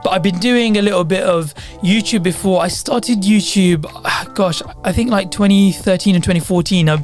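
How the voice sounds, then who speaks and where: A man's voice: sits high, moderate pace, soft background music. A young man in his twenties, a podcast co-host, eagerly telling stories in casual chat and often correcting himself. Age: 20s. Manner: eager storytelling, self-correcting. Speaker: podcast co-host, journalism student.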